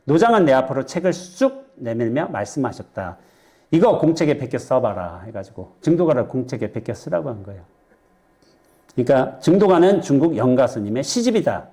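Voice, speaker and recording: Mellow-voiced monk giving a joking dharma talk. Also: male voice, mid-range voice, sing-song, a little fast. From Chungcheong, Korea. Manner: chatty, joking asides, quizzes the audience. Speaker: Buddhist monk lecturer. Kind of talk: dharma lecture to a lay audience. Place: temple lecture hall with audience.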